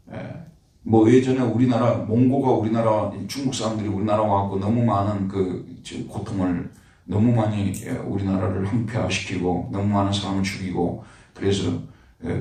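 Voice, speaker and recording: A middle-aged male pastor teaching a Bible study sermon, his pitch jumping high on key words and then dropping low. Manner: lively preaching, pitch rising on emphasis then dropping low. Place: church hall. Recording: echoey church hall from far off.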